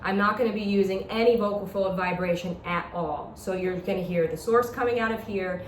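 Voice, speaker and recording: An instructor demonstrating a talk box explains things step by step in an informal, show-and-tell lecture style. Her medium-pitched voice moves fairly quickly, and the distant mic picks up echo and background noise.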